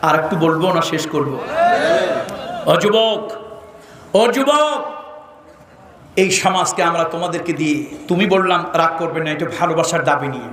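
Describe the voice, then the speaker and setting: A man preaching an impassioned sermon, often shouting and chanting his phrases. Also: fairly high pitch, fast. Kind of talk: Islamic sermon with storytelling. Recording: echoey hall.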